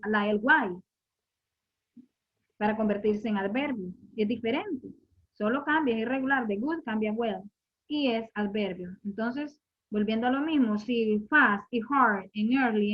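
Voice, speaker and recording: A woman teaching an English grammar lesson, patiently explaining and repeating questions to her students. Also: a little high. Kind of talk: classroom lesson. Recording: muffled lo-fi recording.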